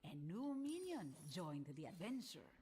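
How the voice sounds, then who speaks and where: A woman playing a storybook narrator of a fantasy game, theatrical and measured in scripted narration. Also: on the low side, sing-song, noisy background. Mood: grand storytelling.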